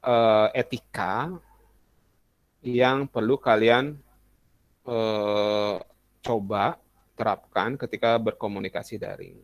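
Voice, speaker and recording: Gravelly-voiced male teacher, chatty lesson. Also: lowish voice, steady tone, slow, long pauses, no room sound, highs cut off. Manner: chatty, uses many examples and acts out student messages. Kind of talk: casual classroom lesson.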